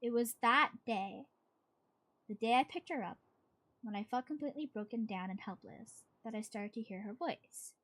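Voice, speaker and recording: A woman reading a horror story aloud like a horror host, dramatic and suspenseful, with pauses and the odd stumble. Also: fairly high pitch, fairly bright tone. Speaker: streamer reading horror stories to a live chat.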